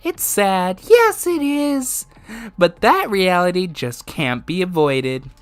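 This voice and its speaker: A cruel little bear villain from a video game drawls out his taunts. The voice sits high and swoops wildly up and down. It crawls along at a slow, singsong pace. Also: sing-song, clean tone, soft background music, exaggerated voice. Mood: gloating. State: sick voice. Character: sly mascot bear villain, male, gleefully cruel.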